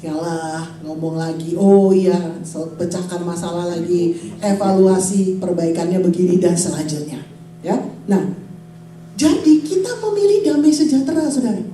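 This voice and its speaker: A woman in her forties, a pastor preaching a lively sermon and calling out to her congregation. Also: fairly low pitch, normal speed, slight background noise. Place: church hall. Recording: echoey hall, voice from far off.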